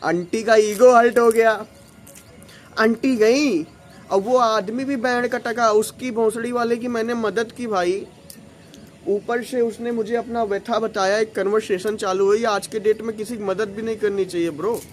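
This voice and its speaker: A male vlogger telling a story in a casual, animated, emotional way, full of slang and swearing. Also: sits high, normal speed, slight background noise.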